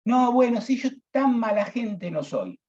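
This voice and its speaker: A deacon teaching a Bible class, emphatic, repeating key phrases and addressing listeners as brothers. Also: male voice, very high voice, very animated, measured pace, a little mellow, lo-fi sound.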